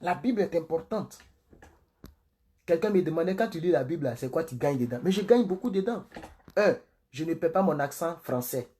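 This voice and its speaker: A man reading the Bible on a livestream and commenting between passages, slow and solemn in the readings and quick and chatty in his asides to viewers. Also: fairly high pitch, lively intonation, warm tone. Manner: chatty, repeatedly urging viewers to share. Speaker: Bible reader and preacher.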